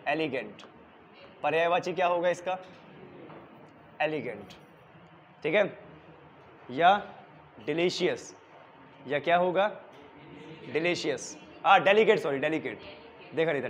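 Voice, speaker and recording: In a coaching classroom, a young male English teacher drills exam vocabulary through repeated questions and answers. His voice is fairly high, with a little hiss or hum on the recording.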